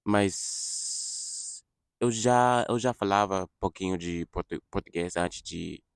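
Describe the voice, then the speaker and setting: Slow, halting young man, deep voice. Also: vocal fry, smooth, no room sound, studio quality. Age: young adult. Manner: halting, many restarts and self-corrections. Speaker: vlogger, language learner. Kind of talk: casual spoken update in a learned language.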